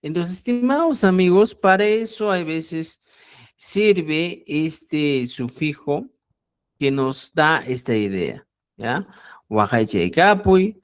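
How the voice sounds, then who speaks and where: A man's voice: a little high, clean tone, dry recording, clean studio sound. A man teaching a language class, explaining patiently and checking often that students follow. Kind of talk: online language lesson.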